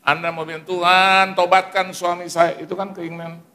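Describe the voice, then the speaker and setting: Middle-aged male pastor, fairly high voice, animated storyteller, from Manado. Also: moderate pace. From Manado, Indonesia. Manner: lively storytelling with acted quotes and asides to the congregation. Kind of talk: sermon.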